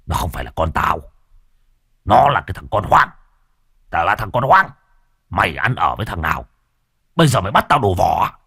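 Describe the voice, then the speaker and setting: A man's voice: low voice, lively intonation, quick pace, a bit bright, no room sound, clean studio sound, full character voice. A man voicing a drunk, violent middle-aged husband who curses and threatens. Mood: raging. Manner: snarling, coarse and threatening.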